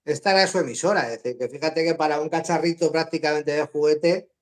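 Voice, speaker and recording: This fast-talking Madrid man has a voice on the high side and a Spanish accent. Middle-aged and a drone hobbyist, he chats casually as a guest on a live video call for a live-stream interview, laughing a lot along the way.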